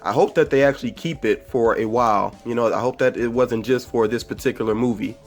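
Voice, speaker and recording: A movie review vlogger with a stuffy, cold-congested voice gives a casual spoiler review at a middling pitch, talking a little fast. He's rambling and chatty, full of fillers, often backtracking and correcting himself mid-sentence. Soft music plays faintly behind him.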